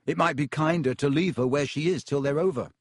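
A man's voice: a little high, fairly quick, no room sound, natural voice. A man voices a gangly schoolboy wizard who talks bluntly and grumbles. The voice sits a little above the reader's own. It is recorded dry and close. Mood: relieved. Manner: blunt and complaining.

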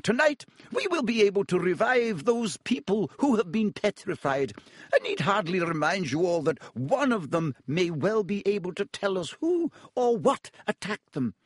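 A man puts on a severe older headmistress type, pitched well above his own voice. She speaks in a clipped, formal way, every word precise. The recording is dry and close. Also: sing-song, normal speed, breathy edge, no room sound, heavily acted. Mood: stern. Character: stern strict older female professor.

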